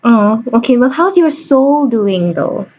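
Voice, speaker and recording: A young adult woman hosts a student podcast, bubbly and theatrical, joking her way through the interview. Her fairly high voice has lively intonation and a darkish tone, unhurried, in a dull lo-fi home recording.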